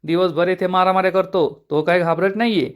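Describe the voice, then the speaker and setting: A man's voice: high-pitched, fairly even intonation, a little fast, smooth, close to an everyday voice. A man voicing a jovial, nosy old uncle. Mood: eager. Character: jovial, eager older uncle, loud and nosy.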